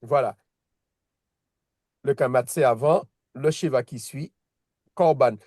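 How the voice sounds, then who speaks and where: A hesitant male Hebrew teacher leads a casual online lesson, speaking slowly at a medium pitch with a darkish tone. He restarts frequently and repeats words, yet stays patient, checking understanding with "d'accord?". His sound is dry and close, with no echo.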